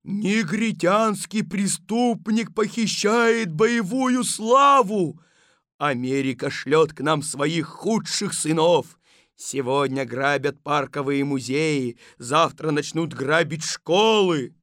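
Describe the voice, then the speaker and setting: An excitable, cowardly male watchman, voiced by a woman for an audiobook. He shouts in loud slogans in a lowered voice. The recording is dry and close. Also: normal speed, no echo, natural voice. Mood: shouting. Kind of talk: audiobook character voice.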